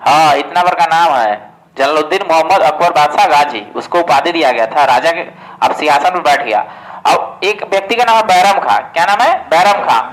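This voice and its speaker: A man's voice: a little high, animated, brisk, a bit bright, low-quality recording. A man giving a casual exam-prep history lesson, asking questions and answering them himself. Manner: asks questions and answers them himself, often says "ठीक है". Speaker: exam coaching teacher.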